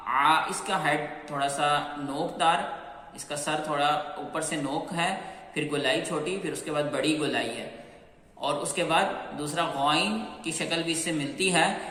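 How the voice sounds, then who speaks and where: A man teaching Qur'anic letter pronunciation in a patient, step-by-step way, repeating sounds and slowly drawing out each letter. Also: a little high, pushed and bright. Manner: slow, clear, repeats sounds and drawn-out chanted letters. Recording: echoey room with long reverb.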